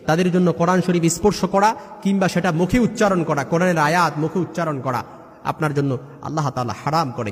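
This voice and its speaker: A man preaches with a high-pitched voice that rings out in a reverberant hall. He talks emphatically, sets out rulings one by one and recites verses in a chanting tone. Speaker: Islamic preacher. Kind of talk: sermon.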